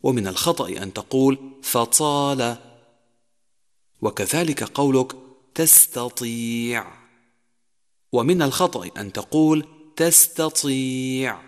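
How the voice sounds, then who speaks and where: A man giving a scripted tajweed lesson, listing points in order and drawing out sung example words. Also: mid-range voice. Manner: measured, numbered points, slowed sung examples. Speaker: Quran recitation teacher. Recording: long reverb, echoey.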